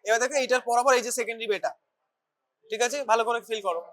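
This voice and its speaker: Brisk, fast-talking clinical teacher. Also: medium pitch, a bit bright. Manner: brisk, instructing students step by step. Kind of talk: bedside teaching demonstration. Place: hospital teaching ward.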